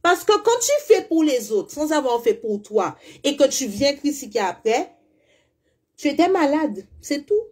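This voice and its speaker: With an unhurried, sing-song delivery, a French Caribbean woman from Guadeloupe or Martinique works as a spiritual coach, bluntly and emphatically challenging her followers through rhetorical questions. Her voice sits high and sounds a little mellow.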